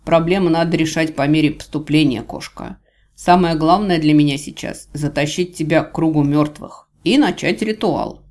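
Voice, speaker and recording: A cruel villain god drawls his threats with slow, silky menace, as a woman reading a storybook puts him on. The voice sits low and a little louder than the narration, calm and mocking. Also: natural voice. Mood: menacing. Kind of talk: audiobook character voice.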